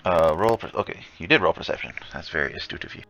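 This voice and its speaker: Deep-voiced man running a tabletop game. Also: expressive, quick pace, creaky, fairly bright tone, no echo, muffled recording, soft background music. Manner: hesitant, filler-heavy narration. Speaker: game master.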